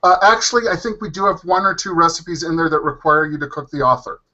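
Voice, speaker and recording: Bright-voiced man, halting chat. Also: on the high side, a little hiss or hum. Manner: hesitant, full of ums and uhs. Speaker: panel guest. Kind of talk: casual chat. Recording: dull lo-fi audio.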